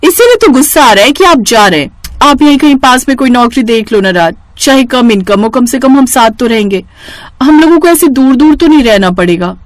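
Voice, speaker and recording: A woman voicing a sulky, sharp-tongued young wife in a storybook tale, in a raised, pouting voice. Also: high voice, expressive, brisk, dry recording, voice pushed up.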